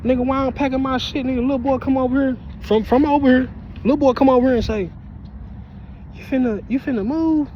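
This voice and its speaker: A man talking in a casual, animated street-side vlog outdoors, sitting outside his house and often asking "you hear me". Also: very high voice, fast talker. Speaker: vlogger. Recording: slightly dull phone audio with faint street noise.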